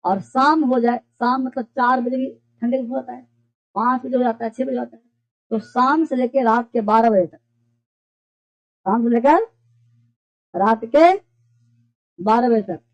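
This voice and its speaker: A woman's voice: a little high, measured pace, long pauses. A woman teaching a basic English class, explaining phrases patiently and quizzing her students with repeated questions. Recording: dull lo-fi classroom recording.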